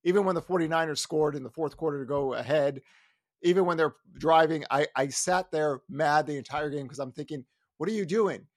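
A man, a lead analyst, talking in a casual podcast chat, animated and exasperated, with loud ranting outbursts. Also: fairly high pitch, a little fast, no echo.

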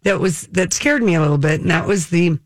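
A woman's voice: fairly low pitch, a little fast, no echo, clean studio sound. A woman co-hosting a casual chat show, talking in a chatty, rambling way with restarts. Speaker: co-host.

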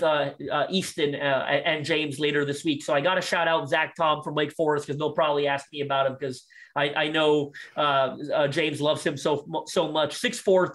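A man with a high voice talks through draft prospects on a podcast. He is eager and quick, slightly out of breath, often restarting his sentences. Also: a bit bright. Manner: fast, enthusiastic, many restarts. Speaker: draft analyst guest. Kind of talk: podcast sports talk.

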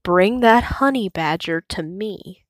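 A woman's voice: mid-range voice, lively intonation, slow pace, dry recording. A woman reading the part of a menacing male hyena villain in a storybook, growling.

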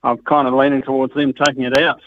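A man's voice: medium pitch, quick pace, slight background noise. A man calling in to a radio show over the phone, chatting casually and calling the host mate. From New Zealand. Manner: relaxed, says mate often. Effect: heard over the phone line. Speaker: radio caller. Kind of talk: casual call-in chat. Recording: tinny phone line on radio.

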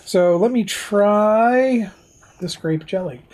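A woman co-hosting a podcast, chatting casually while taste-testing food, with upbeat reactions and quick asides. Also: mid-range voice, a little mellow. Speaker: podcast co-host. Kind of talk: casual chat, food tasting.

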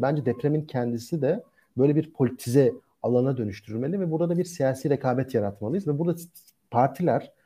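Very mellow, fast-talking man in discussion. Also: mid-range voice. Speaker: discussion guest. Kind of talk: casual political discussion.

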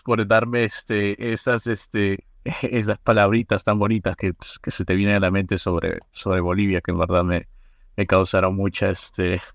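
A man hosting a casual podcast interview, asking quick questions in a relaxed way with many fillers. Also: fairly low pitch, no room sound, clean studio sound. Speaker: podcast host.

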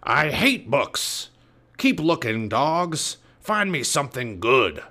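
A man's voice: medium pitch, very animated, slow, bright, forceful tone, pitched above the performer's own voice, exaggerated voice. A man voicing a huge, mean pirate captain in an audiobook, growling and roaring as he bullies. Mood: growling, disgusted.

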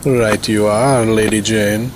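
A man's voice: on the low side, steady tone, slow, a little hiss or hum. A man voicing a pompous aristocratic hunter in a cartoon, with a theatrical manner.

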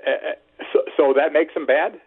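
A man's voice: on the high side, normal speed, husky. A man chatting casually about politics as a caller to a radio show. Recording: tinny narrow phone line.

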